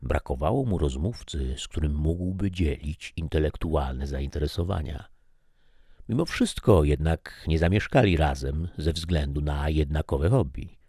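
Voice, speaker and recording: A man's voice: extremely low pitch, animated, measured pace, warm tone, breathy edge, no echo, clean studio sound. A man reading a short story aloud as narrator, telling it expressively.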